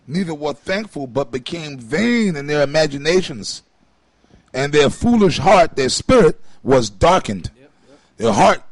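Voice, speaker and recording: A man's voice: on the high side, dry recording. Confrontational preachy man, dry close sound. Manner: confrontational, preachy and slangy, with repeated 'man' asides. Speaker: co-host. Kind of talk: heated religious commentary.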